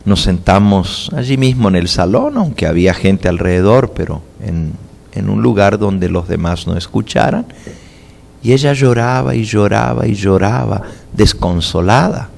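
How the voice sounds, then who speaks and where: A male preacher delivering a sermon, emphatic and measured, telling a pastoral story. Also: on the low side, expressive, gravelly, a little mellow. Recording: long hall reverb.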